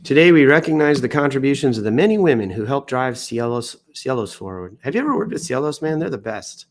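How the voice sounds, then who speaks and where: He's an American streaming from indoors, reading news posts in a theatrical, joking style with exaggerated emphasis and self-deprecating asides. A bit under the weather, he is sick and tiring and coughs from time to time. His mid-range voice is sing-song and fast.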